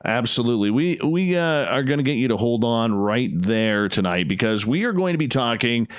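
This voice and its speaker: A man's voice: mid-range voice, lively intonation, normal speed, clear, resonant tone, dry recording. A man hosting a casual late-night radio show, effusive and emphatic, often repeating his phrases.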